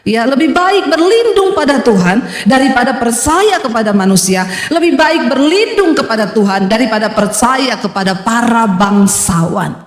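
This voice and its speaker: A high-pitched woman pastor delivers an emphatic sermon, breaking into humorous asides and acting out what people say. Her voice rings with a long reverb through a big echoey hall. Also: animated, normal speed, few pauses. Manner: emphatic preaching with humorous asides and acted quotes.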